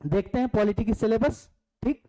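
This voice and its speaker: Male teacher with an Indian accent, warm dark tone, teaching an online class and checking in with the students. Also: high voice, low-quality recording. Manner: explains step by step, asks the class questions; reads syllabus points aloud slowly in English.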